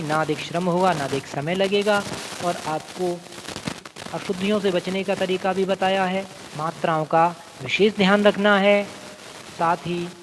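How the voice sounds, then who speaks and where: A man teaching a recorded Sanskrit grammar lesson, reciting word forms slowly and deliberately. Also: high voice. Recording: long reverb, faint room noise.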